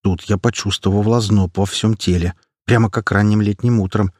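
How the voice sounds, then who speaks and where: A man narrating a first-person audiobook in a steady, measured manner. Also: lowish voice, no room sound, studio quality.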